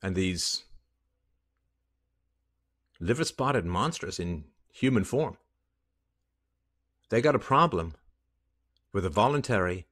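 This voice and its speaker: In a small, plain-walled indoor room, a ranting podcast host speaks slowly with many pauses and lively shifts in pitch. His solo piece to camera is furious, sarcastic and full of swearing, dropping to low mutters and then erupting loudly.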